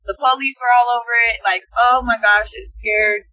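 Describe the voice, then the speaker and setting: A Texan woman in her twenties chats casually as a guest inside a car, her voice fairly high at a normal speed. She sounds relaxed but hesitant, filling her speech with lots of "um" and "like." The recording is dry and rough.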